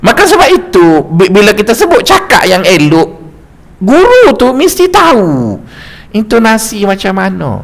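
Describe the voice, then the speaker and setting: Lively stammering Malaysian preacher man. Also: sits high, moderate pace, creaky. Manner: lively, jokey storytelling with stammered restarts. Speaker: religious teacher. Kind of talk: mosque lecture. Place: mosque lecture hall.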